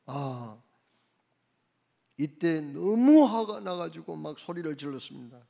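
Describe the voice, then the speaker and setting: A male pastor preaching a Sunday sermon, emphatic, with rhetorical questions and sudden swings in loudness. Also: on the high side, sing-song, slow, vocal fry. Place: church sanctuary. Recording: reverberant church hall.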